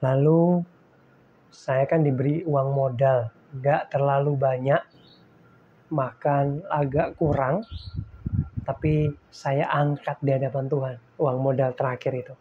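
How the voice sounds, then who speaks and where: Slow, husky middle-aged man testifying. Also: mid-range voice, steady tone, phone-quality sound. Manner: emotional, swinging between soft hushed lines and loud fervent ones; keeps addressing listeners as "guys". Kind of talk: personal faith testimony.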